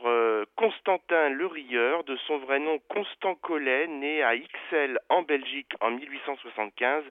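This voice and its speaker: A man's voice: on the high side, no echo. A man hosting a radio slot on old records, reading notes with hesitant fillers. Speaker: radio host. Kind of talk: presenting an old-records show. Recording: tinny phone-like sound.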